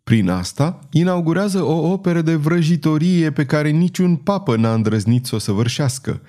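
A man's voice: fairly high pitch, animated, warm tone, pitched above the performer's own voice, natural voice. A man voicing a scheming older churchman who speaks in an urgent, icy, insistent way.

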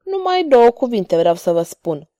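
A woman's voice: a little high, big pitch swings, mellow, no room sound, studio quality. A woman voicing Ragastă, a mocking cavalier. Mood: ironic. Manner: ironic, courtly and taunting. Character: bold mocking male cavalier swordsman.

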